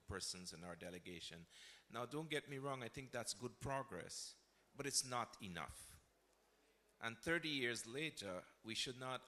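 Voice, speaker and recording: A man's voice: lowish voice, pushed and bright. A man in his fifties from Guyana with a Guyanese accent, speaking as a former diplomat on a panel, telling a story in a reflective way with self-corrections. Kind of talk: panel discussion.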